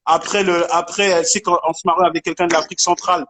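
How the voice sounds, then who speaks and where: High-voiced man from Congo, insistent. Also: flat delivery, quick pace, a bit bright, a little hiss or hum. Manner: emphatic, insistent, many restarts. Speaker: debate participant. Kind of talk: casual live debate.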